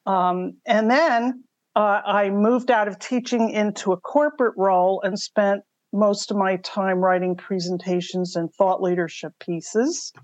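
A woman's voice: medium pitch, steady tone, unhurried, no room sound, lo-fi sound. An older woman telling her story conversationally as a podcast interview guest. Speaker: podcast guest, mystery writer.

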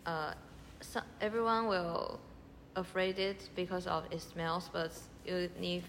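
A young woman from Taiwan, speaking earnest, halting English as a podcast guest. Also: on the low side, fairly bright tone. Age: young adult. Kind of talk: casual chat. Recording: reverberant room, faint noise.

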